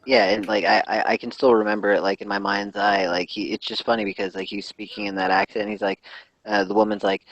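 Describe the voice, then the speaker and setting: A man's voice: on the low side, fast, vocal fry, a bit bright, no room sound, poor audio. A man in casual voice-call chat, hesitant and full of fillers. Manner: hesitant, filler-heavy, restarts.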